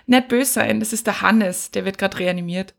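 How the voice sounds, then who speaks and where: Woman doing a calm Saint Peter. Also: medium pitch, normal speed, gravelly, lightly acted. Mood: soothing. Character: calm male Saint Peter at heaven's gate.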